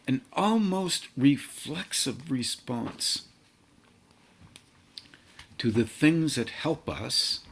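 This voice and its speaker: A man giving a meditative spiritual talk in slow, halting, drawn-out phrases. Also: mid-range voice, vocal fry. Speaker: spiritual teacher.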